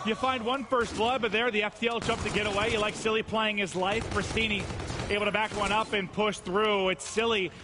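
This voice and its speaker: A man doing excitable, exclamatory play-by-play commentary as an esports caster. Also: sits high, brisk. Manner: excitable, exclamatory, playful banter. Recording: noisy event ambience behind voice.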